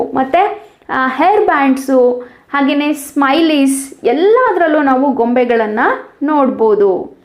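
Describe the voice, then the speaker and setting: A woman's voice: high-pitched, a little mellow, echoey room. A young adult woman teacher, explaining a school lesson to children and answering her own questions to the class.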